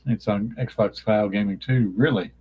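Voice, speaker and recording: A man rambles casually on a live stream from his childhood bedroom, meandering and nostalgic, often stopping mid-sentence to hunt for a name. His lowish, fairly even, unhurried voice has a darkish, slightly rough tone and is growing dry from talking so long.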